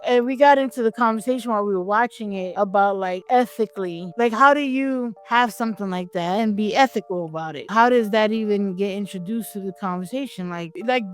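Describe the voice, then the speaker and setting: A woman co-hosting a casual film discussion, reflective as she talks through her reasoning. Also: medium pitch. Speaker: film review co-host.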